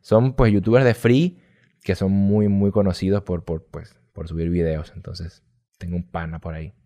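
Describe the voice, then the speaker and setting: A young Venezuelan man with a fairly low voice chats as an interview guest. He tells stories in a loose, slangy way, full of casual asides. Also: fairly even intonation, normal speed, dark tone. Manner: chatty, storytelling, slangy. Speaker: guest, gamer youtuber.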